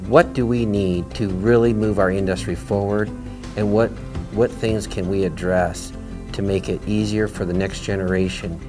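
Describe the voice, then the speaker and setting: A man's voice: lowish voice, fairly even intonation, moderate pace, music in the background. A man explaining things in an interview. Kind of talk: interview talk.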